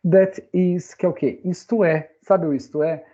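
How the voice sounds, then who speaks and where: A Brazilian man gives a casual online English lesson, talking in a loose, chatty way and checking in with his listeners often. His voice is dark and mellow. The recording sounds a little dull and lo-fi. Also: sits high, fairly even intonation, normal speed. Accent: Brazilian Portuguese. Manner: chatty, frequent "né?" tag questions. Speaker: English teacher.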